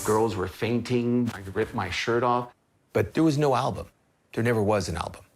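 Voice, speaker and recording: A man in his sixties from Switzerland, a singer telling stories about his career in a relaxed interview. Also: mid-range voice, moderate pace, a little hiss or hum. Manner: anecdotal, acts out other people's lines.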